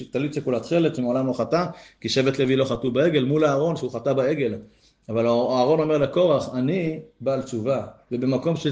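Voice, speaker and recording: A man's voice: mid-range voice, a little mellow. A man giving a Torah lesson, reading texts aloud and explaining them earnestly, his voice rising to stress key points. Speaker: Torah teacher.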